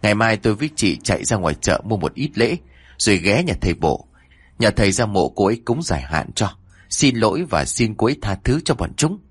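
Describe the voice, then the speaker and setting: A man voicing a calm, practical older village woman who speaks in a slow, measured way. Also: fairly low pitch, breathy edge, dry recording, studio quality. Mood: planning.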